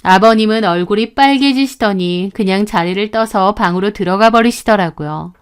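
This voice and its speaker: A woman's voice: medium pitch, normal speed, smooth. A woman in her thirties narrating her own story as a daughter-in-law, indignant and complaining, acting out the dialogue.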